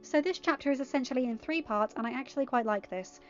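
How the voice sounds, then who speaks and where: An amateur fan fiction reader with an English accent narrates stories in a storybook style and adds casual commentary. Her voice sits high and moves fast, and the sound is lo-fi.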